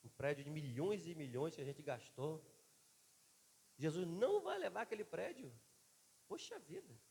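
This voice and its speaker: Guy preaching hard, voice booming round a big echoey church. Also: very animated, moderate pace, gravelly, slightly rough. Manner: impassioned preaching, swinging between loud and soft. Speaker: pastor. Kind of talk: sermon.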